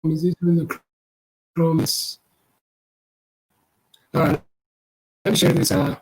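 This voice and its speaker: Give me a lecturer on an online call whose sound crackles and cuts in and out, speaking haltingly and searching for words. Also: medium pitch, little pitch movement, echoey room. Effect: crackly connection cutting in and out. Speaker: guest lecturer. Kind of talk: online class presentation. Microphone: computer mic on a video call.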